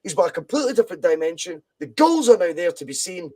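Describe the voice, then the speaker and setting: Speaking fast in a high, mellow voice with big pitch swings, a Scottish podcast host chats about football. He's passionate and keeps repeating points for emphasis.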